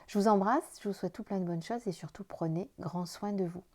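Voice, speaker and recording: A woman's voice: mid-range voice, brisk. Tired French-speaking woman reading tarot cards. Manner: gentle, reassuring, stumbles over words. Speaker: tarot card reader. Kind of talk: casual tarot reading to camera.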